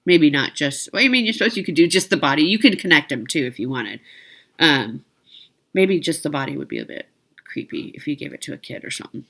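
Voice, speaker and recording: The host of a needlework shopping video, a woman, talks a little fast in a low, expressive, slightly bright voice with some vocal fry. Her product showcase is casual and chatty, peppered with self-corrections and asides.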